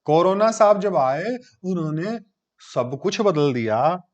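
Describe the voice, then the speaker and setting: A teacher delivers a classroom lecture in a high-leaning, expressive, slow voice, explaining step by step and answering his own questions. The recording sounds dull and lo-fi.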